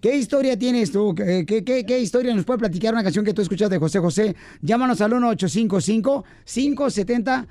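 A man hosting a radio show, loud, joking and quick to tease. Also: high voice, no echo. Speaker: radio host. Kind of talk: comic radio banter.

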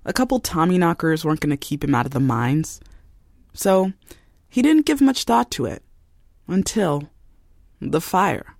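A man giving scripted, measured documentary-style narration of a true story. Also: fairly high pitch, expressive, gravelly, no room sound, studio quality. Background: music.

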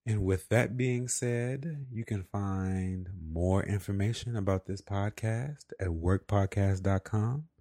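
A man's voice: on the low side, takes it slowly, few pauses, mellow, dry recording, studio quality. A man co-hosting a podcast, talking in an earnest, reflective way with casual fillers. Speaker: podcast co-host.

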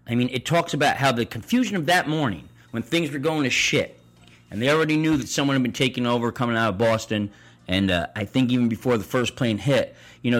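A man's voice: mid-range voice, a bit bright. A man in his forties giving a crude, rambling comedic monologue that rants with a conspiratorial slant. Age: 40s. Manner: crude, profane, conspiratorial ranting.

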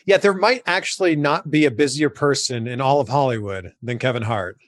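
A man's voice: mid-range voice, a little fast, no echo, clean studio sound. A man from Canada hosting a podcast, casual and upbeat as he interviews his guest. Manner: upbeat, animated. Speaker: podcast host.

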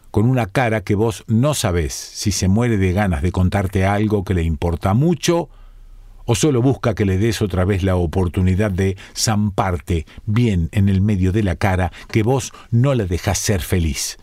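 A man with a Rioplatense Spanish accent narrating an audiobook in a calm, measured way. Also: lowish voice, dry recording.

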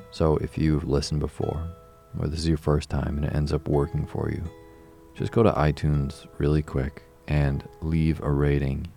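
A man with an extremely low, gravelly voice works as a sleep story narrator. His delivery is soft-toned and dark, gentle and unhurried, made to lull a listener to sleep. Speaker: sleep podcast host and reader. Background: soft plucked guitar-ukulele music.

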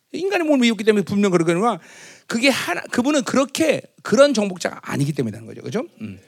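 A middle-aged man preaching a Christmas sermon as pastor, chatty with his congregation, often asking them to agree, and acting out boastful proclamations. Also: high-pitched. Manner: conversational, teasing the congregation with tag questions; acts out loud proclamations in a raised voice.

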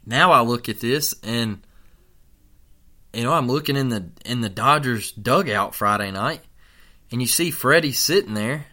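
A male sports talk host in full rant, his voice bright and forceful at a middling pitch. He curses freely and repeats his lines for emphasis. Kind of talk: heated sports opinion rant.

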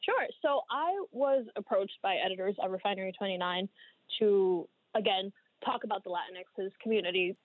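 A woman's voice: medium pitch, no room sound. Woman guest on a tinny phone line. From Dominican Republic. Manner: measured, thoughtful, with frequent ums. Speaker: guest writer. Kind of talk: interview answers.

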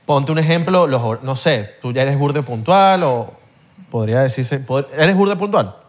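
A man co-hosting a casual podcast chat, asking questions and teasing in quick interjections. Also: mid-range voice, animated. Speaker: podcast co-host.

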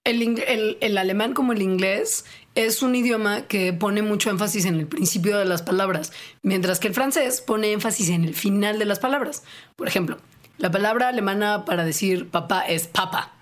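A woman's voice: medium pitch, normal speed. Playful woman co-hosting. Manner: playful, jokey, bursts into put-on voices. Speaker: podcast co-host. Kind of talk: casual science chat.

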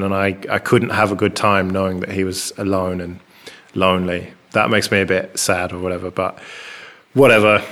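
A man with an English accent talks in a loose, rambling way, full of fillers. His voice is fairly low and bounces around a big, bare hall with a concrete floor, so every line carries a roomy echo. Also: fairly bright tone. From England. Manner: rambling and chatty, with many fillers. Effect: big hall echo from an enormous, bare room. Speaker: podcast co-host. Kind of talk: casual chat. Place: large open flat with a concrete floor.

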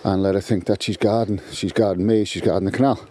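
A man's voice: lowish voice, fairly even intonation, fast talker, mellow, slight background noise. A man talking casually while walking his dog on a canal towpath, rambling with many restarts. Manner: rambling, with frequent restarts and fillers. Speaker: guest contributor. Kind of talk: casual walk-and-talk monologue. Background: birdsong.

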